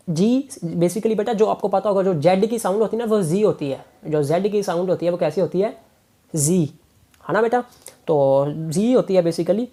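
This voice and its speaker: Guy tutoring chemistry, keeps calling students beta, repeats stuff, soft warm voice. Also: high voice. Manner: coaxing, repeats key points, calls students "beta"; mixes English terms into Hindi. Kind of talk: chemistry exam-prep lesson.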